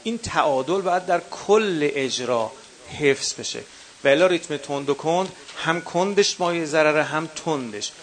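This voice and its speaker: A man with a Qom accent leads a teaching workshop and lays out his advice one numbered point at a time. His voice sits a little high for a man. He speaks to the room directly and calls his listeners dear ones. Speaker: workshop instructor for religious eulogy singers. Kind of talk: workshop lecture. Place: workshop session with a live audience.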